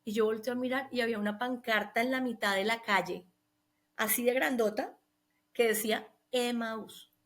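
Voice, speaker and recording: A woman's voice: fairly high pitch, steady tone, moderate pace. A middle-aged woman giving an emotional personal testimony, recounting events earnestly and quoting the people involved. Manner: earnest, recounting with quoted dialogue. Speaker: guest telling her testimony.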